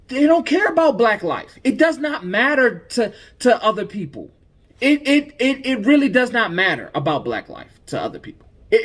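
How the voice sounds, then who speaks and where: Male host, commentary podcast; indignant, emphatic, stumbling restarts, very animated pitch.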